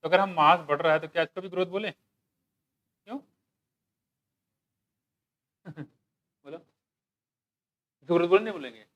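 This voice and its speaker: A man teaching a biology class, asking students questions, joking and reading textbook lines slowly. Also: a little high, a bit bright. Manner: asks students questions and jokes, mixing Hindi with English textbook lines; slows down to read English lines aloud. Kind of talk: classroom lecture.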